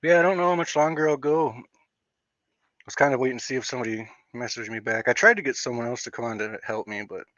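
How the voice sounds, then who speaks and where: Man, casual stream host, rambling and excitable, dry dull lo-fi audio. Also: mid-range voice, quick pace, dry recording. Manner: rambling, excitable, heavy use of "like". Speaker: livestream host. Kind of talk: casual livestream chat.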